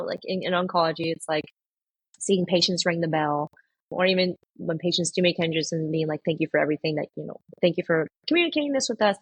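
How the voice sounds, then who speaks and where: A woman's voice: lowish voice, breathy edge, dry recording. A woman, an oncology nurse, telling stories in a chatty way with many fillers on a podcast. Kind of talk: casual podcast chat.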